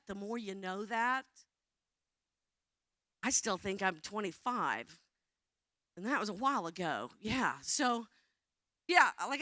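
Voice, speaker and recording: A woman in her sixties gives a playful, self-mocking talk from a conference stage and coaches the crowd. Her voice is bright and sits a little high, and it swoops widely in pitch. The sound is close and dry. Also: no room sound. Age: 60s. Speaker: theater director giving a talk. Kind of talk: comic motivational stage talk. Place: conference stage before an audience.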